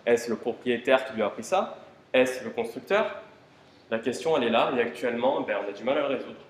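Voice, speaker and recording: A man's voice: medium pitch, lively intonation, a little fast. A man giving an informal talk at a tech conference, asking the audience rhetorical questions and dropping casual fillers. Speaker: conference speaker. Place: conference room. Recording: roomy hall with faint ambience.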